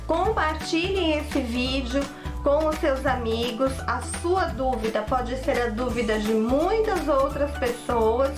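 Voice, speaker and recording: A woman with a Brazilian Portuguese accent gives a spelling lesson in a high voice. She talks slowly and patiently, spelling out each rule step by step. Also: animated, over music. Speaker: teacher. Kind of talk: slow, didactic spelling lesson.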